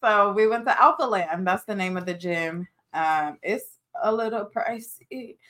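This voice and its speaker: Een vrouw die als co-host van een podcast ontspannen en met straattaal praat, vaak lachend. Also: female voice, medium pitch, a little slow, fairly bright tone. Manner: laid-back, slangy, laughs often. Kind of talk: casual chat.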